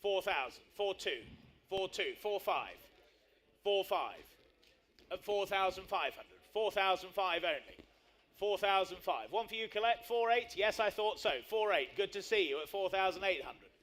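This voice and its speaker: High-voiced male auctioneer calling bids. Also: expressive, normal speed, fairly bright tone. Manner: repetitive bid patter with short clipped phrases.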